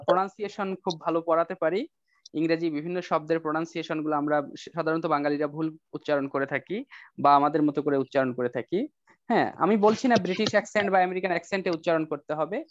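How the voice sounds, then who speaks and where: A male English teacher giving an online class lecture, coaxing students with rhetorical questions and slowing down to spell out example sentences. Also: a little high, no echo. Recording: dull lo-fi online class audio.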